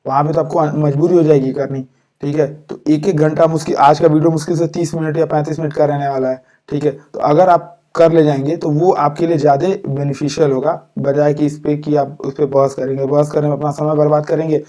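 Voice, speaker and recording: A man's voice: on the high side, little pitch movement, brisk, dark tone. A man teaching an exam-prep class, stopping often to say "okay" and restarting words. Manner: repeats "ठीक है" after points, with fillers and restarts.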